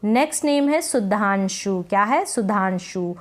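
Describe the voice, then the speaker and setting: A woman's voice: medium pitch, animated. A woman giving a spelling lesson, spelling letter by letter and repeating each answer as a drill. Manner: slow and deliberate. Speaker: teacher.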